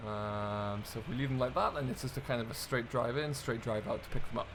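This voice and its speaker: A gaming video creator hosts a casual let's-play of a farming simulator, keeping up a chatty, easygoing commentary for viewers. He speaks at medium pitch and a little fast, with background noise in the recording.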